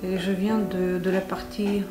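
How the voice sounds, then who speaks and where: A woman's voice: mid-range voice, little pitch movement, measured pace. A middle-aged woman from Ukraine with a Ukrainian accent, earnestly answering interview questions with many restarts. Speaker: interviewee, volunteer. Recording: echoey room with music under.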